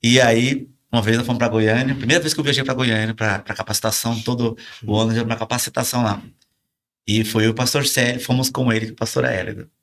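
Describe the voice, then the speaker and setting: A pastor with a Brazilian Portuguese accent tells his testimony in a podcast conversation, storytelling emotionally and acting out quoted lines in a raised voice. He talks fast at medium pitch, with little pitch movement and a fairly bright tone.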